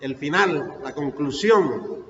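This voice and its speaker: A high-pitched man preaches a sermon, firing off rhetorical questions and leaning hard on every scripture he reads. His voice comes from across a big reverberant church hall, a bit muffled and far from the microphone, with faint noise underneath. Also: animated, fairly bright tone. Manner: reads scripture aloud slowly and emphatically. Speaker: pastor. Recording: echoey hall, distant mic, muffled sound.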